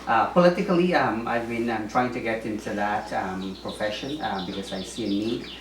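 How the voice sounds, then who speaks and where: A man's voice: fairly low pitch, moderate pace. A man from Guyana answering interview questions, speaking hesitantly with many ums and restarts. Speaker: interviewee, former mayoral candidate. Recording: roomy echo, distant mic, faint noise.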